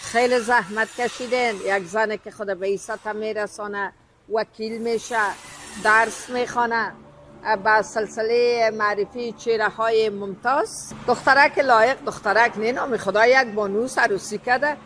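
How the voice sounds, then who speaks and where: A woman from Afghanistan hosts a casual interview with a fairly high voice. She talks in an effusive, flattering way and breaks into recited verse. Faint noise sits behind her. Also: rough recording. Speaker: interview host.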